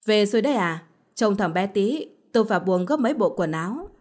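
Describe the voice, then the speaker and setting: A woman's voice: medium pitch, expressive, fairly quick, lightly acted. An older mother-in-law scolds shrilly in this read-aloud story, voiced by a woman narrator. Her lines come out accusing and biting. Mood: coaxing.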